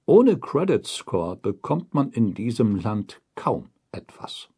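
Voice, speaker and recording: Slow, husky German documentary narrator. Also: male voice, fairly low pitch, very animated, warm tone. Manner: measured, deliberate reporting tone. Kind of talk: scripted documentary voice-over.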